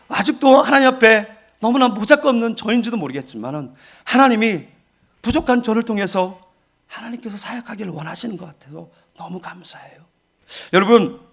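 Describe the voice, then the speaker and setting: A male pastor preaching a sermon as an emotional storyteller, often putting questions to his listeners. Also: sits high. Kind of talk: sermon with personal testimony.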